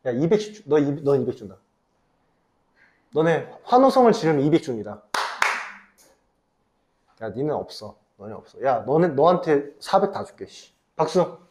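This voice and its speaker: A male academy teacher casually telling a story to his class in a classroom, with animated, teasing banter toward the students. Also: mid-range voice, normal speed, long pauses, slight background noise. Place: classroom, indoors.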